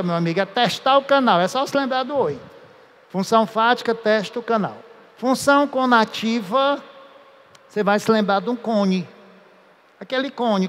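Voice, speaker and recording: A man's voice: sits high, fairly bright tone. Joking man teaching in a hall. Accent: Brazilian Portuguese. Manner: playful, joking, drawn-out emphasis. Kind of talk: lively classroom lecture with jokes. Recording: echoey hall.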